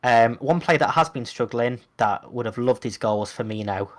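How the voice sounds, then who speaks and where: A man's voice: medium pitch, moderate pace. A man co-hosting a football podcast in casual chat, his online call audio breaking up as the stream quality drops. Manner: conversational, rambling with fillers. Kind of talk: casual match review chat.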